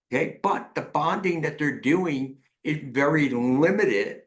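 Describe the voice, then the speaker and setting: A man appearing as a therapist and author on a podcast, explaining ideas in a lively way and acting out examples. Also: mid-range voice. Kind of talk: conversational interview.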